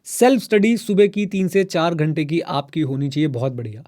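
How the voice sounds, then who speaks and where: A man's voice: fairly high pitch, expressive, normal speed, darkish tone. Fatherly man exhorting students. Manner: exhorting, repeats himself for emphasis; addresses students as children, asks them to reply in chat. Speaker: CA exam teacher. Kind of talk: live online mentorship session.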